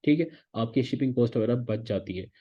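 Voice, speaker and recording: A man's voice: mid-range voice, fairly quick, breathy edge, highs cut off. A man teaching a recorded online lecture, explaining step by step and checking in with "theek hai" again and again. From Pakistan. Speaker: course instructor.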